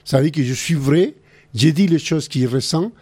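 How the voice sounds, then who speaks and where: A man's voice: on the high side, normal speed, warm tone, husky. Chilean-accented man hosting call-in radio. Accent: Chilean Spanish. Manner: earnest, giving practical advice. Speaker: radio show host.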